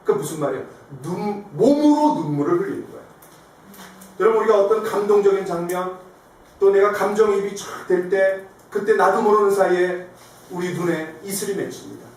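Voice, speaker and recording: A man's voice: sits high, brisk. A man preaching a sermon as pastor, telling stories animatedly and asking the congregation questions. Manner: animated storytelling, acting out quoted lines. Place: church sanctuary. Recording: echoey hall, distant mic, faint noise.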